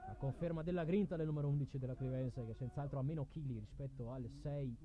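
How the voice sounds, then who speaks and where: A man's voice: mid-range voice, steady tone, fast talker, dull audio. A man calling a live football match play by play, calling players' names in short bursts. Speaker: football commentator.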